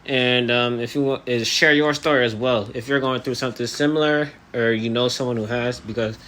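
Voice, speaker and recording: Male, 18, medium pitch. Earnest, hesitant personal vlogger, articulation a little restricted at the jaw. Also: fairly even intonation, brisk, fairly bright tone. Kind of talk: personal vlog monologue to camera.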